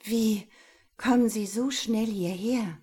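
A woman's voice: medium pitch, normal speed, mellow, slightly rough, natural voice. A woman reading the lines of a young woman who answers brusquely and sounds flustered. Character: young woman, prickly and torn.

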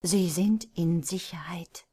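A calm unseen interrogator voice, as a woman reads it. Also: lowish voice, close to an everyday voice. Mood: soothing. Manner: calm and measured, reassuring.

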